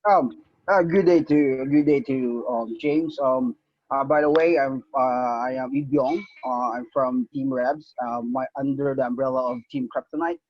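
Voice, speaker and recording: A man's voice: mid-range voice, a little slow, dry recording. Man from the Philippines, team leader on a video call, hesitant, fillers, dry dull audio. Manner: hesitant, many fillers and restarts. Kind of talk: halting guest remarks.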